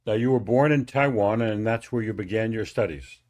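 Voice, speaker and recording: Man, radio host, low voice, hesitant, filler sounds, interviewing a guest. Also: brisk, a little mellow.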